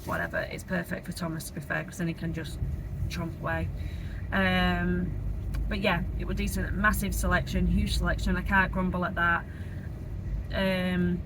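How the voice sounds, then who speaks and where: A young woman with a Northern English accent, chatting informally and rambling through a casual travel vlog. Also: on the low side. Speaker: travel vlogger. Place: inside a moving car. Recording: clear car and road noise. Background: car engine and road noise.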